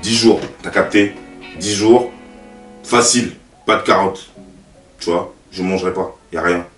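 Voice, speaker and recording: A young man with a French accent, a YouTuber telling stories in a casual, slangy, animated way and talking straight to the viewer. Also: low voice, measured pace, recorded from a distance. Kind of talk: casual storytelling to camera. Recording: roomy, away from the mic, faint music.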